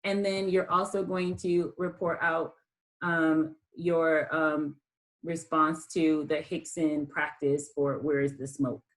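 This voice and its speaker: A woman's voice: low voice, little pitch movement, slow, poor audio. A woman instructor giving a college writing lesson over a video call. She talks with frequent ums and restarts. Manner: hesitant, many ums and restarts. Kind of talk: online class lecture.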